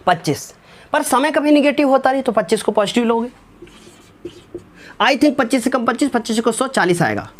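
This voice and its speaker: This physics teacher's voice is very high, with lively intonation, normal speed, and frequent pauses. At the whiteboard he solves numericals step by step, repeatedly making sure students follow and calling them by fond, fatherly names.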